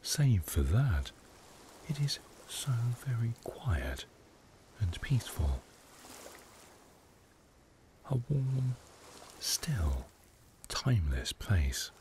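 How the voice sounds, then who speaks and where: A man guiding a meditation, speaking softly in a hushed voice that often drops to a whisper. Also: lowish voice, very animated, very slow, long pauses, slight background noise. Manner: soft, hushed delivery, often slipping into a whisper. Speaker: meditation guide. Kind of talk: guided meditation narration.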